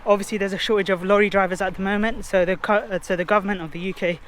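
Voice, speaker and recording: A man's voice: high-pitched, fairly even intonation, very fast, fairly bright tone, a little hiss or hum. Chatty young man vlogging outdoors. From London, England. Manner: rambling, filler-heavy, chatty. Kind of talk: casual vlog to camera. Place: outdoors in a city park.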